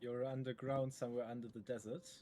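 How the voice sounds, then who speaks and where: A man's voice: mid-range voice, flat delivery, quick pace, warm tone, a little hiss or hum. A man chatting while playing a game with friends, joking and teasing with wordplay. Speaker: co-op game player. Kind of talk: casual gaming chat.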